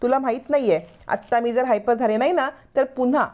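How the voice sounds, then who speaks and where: A woman's voice: on the high side, brisk, a little mellow, pitched above the performer's own voice, close to an everyday voice. A woman voicing a fussy, overprotective middle-aged mother-in-law who scolds with a raised voice in a retold family serial. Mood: scolding.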